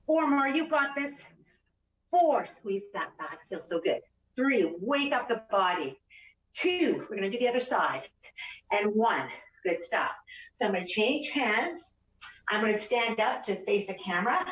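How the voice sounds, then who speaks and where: A woman leading a home workout as a fitness instructor, counting out repetitions and giving short, encouraging, energetic cues. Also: medium pitch, measured pace. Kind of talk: exercise class instruction with counting aloud. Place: indoors at home, room with a couch. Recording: roomy, distant, dull home-video sound.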